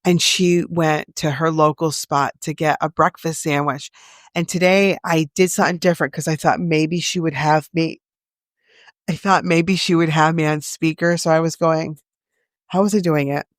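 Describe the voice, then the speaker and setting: A woman's voice: sits low, steady tone, moderate pace, dry recording. A woman co-hosting a podcast from a small studio room, with joking, laid-back banter. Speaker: podcast co-host. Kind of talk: casual chat.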